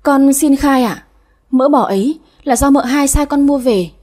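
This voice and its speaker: A woman's voice: high-pitched, measured pace, a little mellow, voice pushed up. A woman doing a terrified young servant girl. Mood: pleading. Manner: pleading, tearful, stammering.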